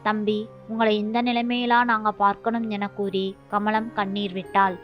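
A woman narrating a short story in a steady, even reading voice. The recording is dull and lo-fi, with faint music playing under her. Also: medium pitch, moderate pace.

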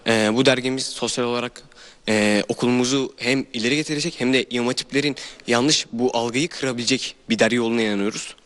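A teenage boy, a high school student, answering interview questions politely and with some hesitation. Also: steady tone, quick pace, a bit bright. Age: teens.

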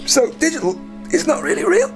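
A man's voice: very high voice, huge pitch swings, fairly quick, faint music behind, exaggerated voice. An actor playing a laid-back young man who rambles and giggles about life. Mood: rambling. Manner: giggly, rambling, filler-heavy. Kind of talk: radio drama acting.

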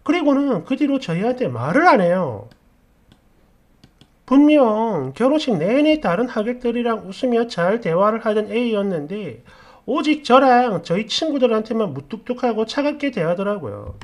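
A woman narrating a reader-submitted personal story in the first person, in an expressive storytelling manner. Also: fairly high pitch, moderate pace.

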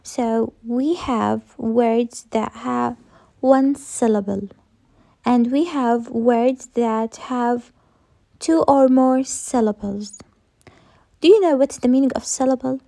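A woman's voice: on the high side, slow pace, vocal fry, warm tone. A woman teaching English grammar in a recorded lesson, repeating each rule and answering her own questions.

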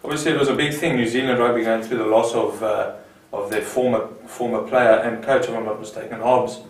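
A man's voice: mid-range voice, steady tone, fairly quick. Wisecracking man in a very echoey room. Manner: teasing, wisecracking banter. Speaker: co-host. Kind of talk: casual sports chat. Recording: very echoey room, distant mic.

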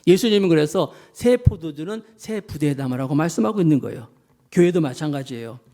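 A man preaches a sermon in a high voice with a gravelly edge. He speaks with emphasis and keeps turning to the congregation with rhetorical questions. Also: animated, a little fast, dark tone. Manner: storytelling with acted quotes. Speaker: pastor.

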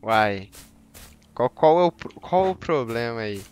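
A man's voice: mid-range voice, animated, slow pace, a little mellow, slight background noise. A man giving slangy, joking gameplay commentary on a live stream and teasing his chat. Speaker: game streamer.

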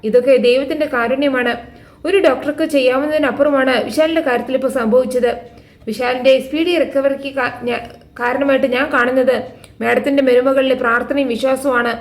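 A woman's voice: high-pitched, steady tone, fairly quick. A woman voicing a modest hospital doctor who credits prayer for a recovery, read out plainly. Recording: echoey room.

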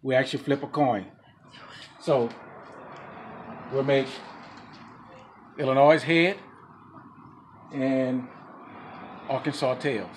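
A man's voice: mid-range voice, fairly even intonation, slow pace, long pauses, slightly rough. A man in his forties co-hosting a casual road-trip vlog, explaining things to viewers in an upbeat, easygoing way. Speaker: vlog co-host. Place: outdoor patio and garage of a home. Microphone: camera a few feet away.

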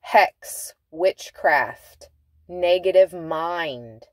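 A woman's voice: fairly low pitch, extremely slow, no room sound. A woman giving a casual tarot reading from inside a car, chatty and laughing, stretching out words for emphasis. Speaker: tarot reader.

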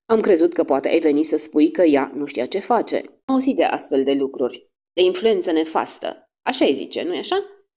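A woman voicing a sullen, suspicious young foreign woman who talks quickly and defiantly. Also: deep voice, very animated, a little mellow. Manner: fast, defiant speech.

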